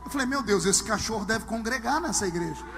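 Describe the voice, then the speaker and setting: A man preaching a sermon to a live congregation, telling humorous stories and swinging from hushed asides to shouted lines. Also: high-pitched, animated, fast. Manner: humorous storytelling. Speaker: pastor. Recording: long hall reverb with music underneath.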